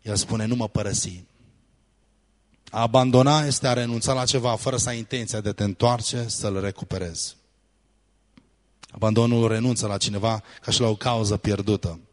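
A man's voice: on the low side, fairly even intonation. Guy preaching a sermon, reads bible verses, acts out prayers like he's begging. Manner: quotes scripture, acts out pleading prayers. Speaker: pastor.

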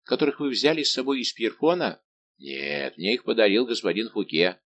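A man voicing a big, good-natured, simple-minded old musketeer baron, talking slow and booming. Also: sing-song, fairly bright tone, full character voice. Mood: hearty.

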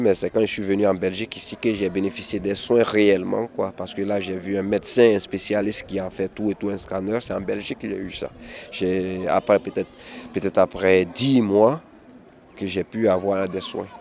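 A man's voice: low-pitched, steady tone, moderate pace, darkish tone. A man speaks as an interviewee. He talks with many hesitations, repeated words and restarts. He is recorded outdoors in a city. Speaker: interviewee, migrant activist. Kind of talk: candid interview testimony.

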